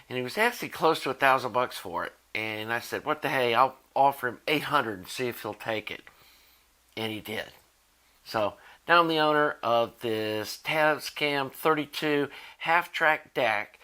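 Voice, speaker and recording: An electronics DIY video maker with a medium-pitched, bright, forceful voice casually explains how he fixed his tape deck himself. He rambles in a folksy way, dropping plenty of "you know"s.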